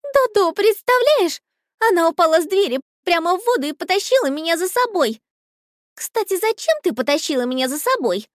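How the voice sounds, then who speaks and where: A woman voicing a fussy, indignant female mouse from a storybook with a shrill, squealing voice. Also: very animated, fairly quick, no echo, studio quality.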